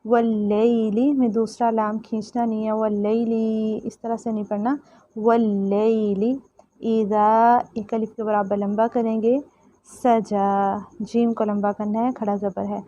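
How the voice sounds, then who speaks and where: Woman tajweed teacher, chants slow then explains quick, kinda higher voice, dull dry lo-fi sound. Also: flat delivery, warm tone, no room sound. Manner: slow melodic recitation then brisk instruction. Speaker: Quran recitation teacher. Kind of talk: tajweed lesson, recitation and explanation.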